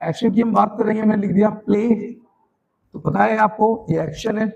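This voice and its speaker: High-voiced Indian man teaching English. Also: creaky, darkish tone, dull audio. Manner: drills tongue twisters slowly and repeatedly; addresses students as "beta", encouraging. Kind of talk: spoken English class, teaching in Hindi.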